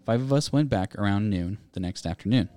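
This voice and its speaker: A man's voice: on the low side, a little fast, soft background music. A man co-hosting a podcast, reading listener ghost stories aloud and chatting casually. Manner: reads aloud in a steady storytelling way. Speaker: podcast co-host.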